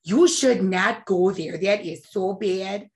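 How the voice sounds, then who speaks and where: Lady imitating her mom, older woman, fussy and scolding, drawn-out tutting lines, a bit higher and brighter than her own talk. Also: natural voice.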